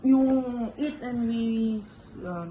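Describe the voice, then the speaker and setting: A woman's voice: a little high, extremely slow, dark tone, a little hiss or hum, low-quality recording. A Filipino woman filming a casual food-tasting vlog in a home kitchen, playfully coaxing and prompting the people around her. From Philippines.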